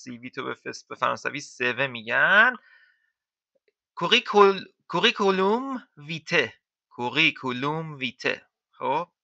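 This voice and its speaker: A man teaching French to beginners in a casual, chatty way, repeating words slowly for learners. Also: on the high side, vocal fry, pushed and bright, dry recording. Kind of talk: casual lesson explaining to beginners. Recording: dull lo-fi dry sound.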